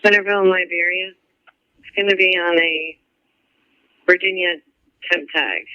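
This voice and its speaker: A woman's voice: on the low side, steady tone, normal speed, smooth, no echo. Female police officer over police radio, terse. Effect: police radio transmission. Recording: muffled archived radio call.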